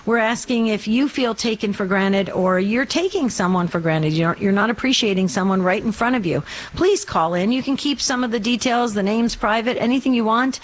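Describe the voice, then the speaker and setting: A woman co-hosting a call-in radio show, chatty and animated with callers. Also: medium pitch, moderate pace, rough recording. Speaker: radio co-host.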